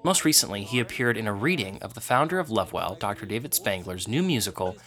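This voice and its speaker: A man, the program director, giving an even, informative scripted voice-over narration. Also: fairly low pitch, quick pace.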